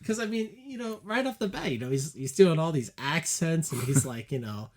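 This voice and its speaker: A slightly higher-voiced man co-hosts a casual film podcast. He talks in an animated, chatty way and fills the gaps with "you know" and "like". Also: fairly quick. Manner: animated, chatty, many fillers. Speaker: podcast co-host.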